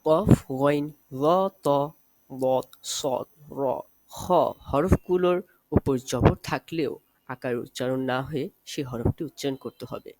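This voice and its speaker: A man teaching Arabic letter reading, reciting each letter and vowel mark in a slow, deliberate drill. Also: medium pitch, a little mellow, no echo. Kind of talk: spelled-out letter drill lesson.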